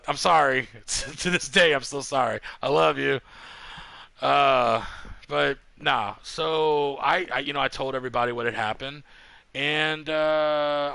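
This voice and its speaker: A man casually telling a profane, animated story as a podcast host while playing a game, acting out heated quotes from other people. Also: on the high side, creaky, dry recording.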